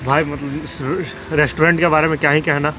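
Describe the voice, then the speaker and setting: High-voiced young man giving a review. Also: flat delivery, brisk. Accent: Jharkhand Hindi. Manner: earnest, recommending. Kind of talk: casual review. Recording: background music.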